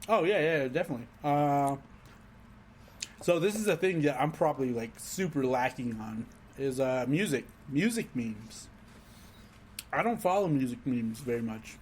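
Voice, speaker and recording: A man's voice: mid-range voice, lively intonation, moderate pace, a little mellow, a little hiss or hum. A man co-hosting a casual podcast chat, telling stories animatedly and swearing casually. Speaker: podcast co-host.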